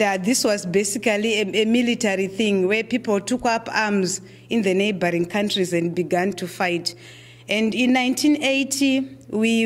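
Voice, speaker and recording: A middle-aged woman with a Zimbabwean accent delivers a keynote address at a conference, her voice at an ordinary pitch for a woman. She speaks in a measured, deliberate way, often pausing on "uh" and repeating words as she restarts.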